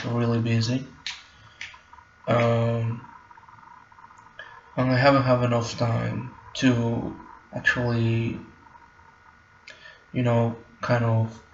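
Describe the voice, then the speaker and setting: Speaking into his camera, a Spanish-speaking vlogger muses through a personal monologue, stumbling over words with many fillers and restarts and looping back over phrases. He has a gravelly voice held to a narrow pitch range. The room sounds bare and echoey, the sound is muffled, and there's a faint hiss or hum.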